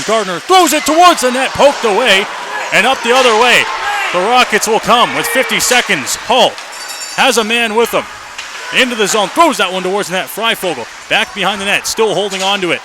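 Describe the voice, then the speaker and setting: In this noisy live radio broadcast, a man with a rather high voice gives fairly quick play-by-play of a hockey game inside an indoor arena. He speaks in brief, flowing bursts that sometimes rise into shouts of excitement, over clearly audible, loud rink ambience.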